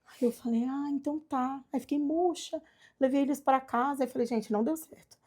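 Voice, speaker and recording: A woman from Brazil telling her adoption story in a casual chat, animated and acting out the voices of people she quotes. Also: sits high, brisk. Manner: animated, acts out quoted dialogue. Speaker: guest, adoptive mother.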